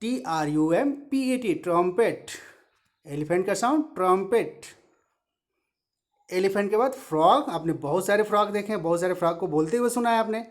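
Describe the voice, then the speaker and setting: A woman's voice: medium pitch, lively intonation, normal speed. A woman teaching young children animal sounds, spelling each word letter by letter and imitating the calls.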